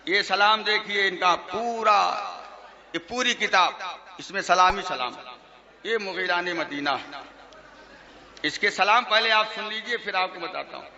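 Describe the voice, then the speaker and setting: A man's voice: high voice, long pauses, pushed and bright. A male cleric lecturing a gathering, reading out verses in a mocking sing-song chant and laughing at them. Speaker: Islamic cleric. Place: large gathering with a noisy audience. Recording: dull lo-fi recording with a crowd.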